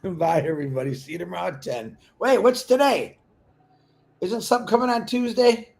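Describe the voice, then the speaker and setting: A man co-hosting a casual livestream, pushing a promotional pitch with laughing asides. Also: brisk, gravelly, darkish tone. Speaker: livestream co-host.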